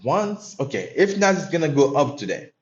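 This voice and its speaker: His voice fairly high and swinging widely in pitch at a moderate pace, a young man from Haiti comments live on his day trades. He chats loosely and profanely with viewers in this casual stream, heard through dull audio.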